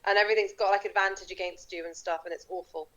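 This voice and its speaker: A woman's voice: mid-range voice, steady tone, rapid-fire, fairly bright tone, muffled recording. A woman with a northern English accent, chatting casually as a player in a tabletop game, self-deprecating.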